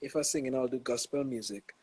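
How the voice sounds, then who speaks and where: Speaking a little fast, this young gospel artist from Trinidad and Tobago has a medium-pitched, darkish, slightly rough voice with no echo. In the casual live-stream interview his Trinidadian-accented talk is laid-back, reflective, slangy, and dotted with "you know."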